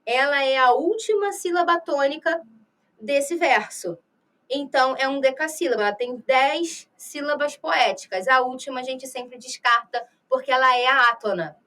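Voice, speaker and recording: Her voice high, pushed, and bright, a Brazilian woman teaches literature in Rio de Janeiro Portuguese for a recorded exam-prep lecture on a distant mic. She explains with rhetorical questions, frequent "né?" and "tá?", and slow, stretched-out verse readings.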